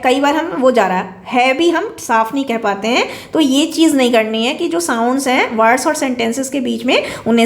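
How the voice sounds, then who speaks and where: An Indian woman teacher gives a recorded lecture in a high voice. She asks herself questions and then answers them. Her voice echoes around the room. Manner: explains in Hindi mixed with English terms, repeats and asks herself questions.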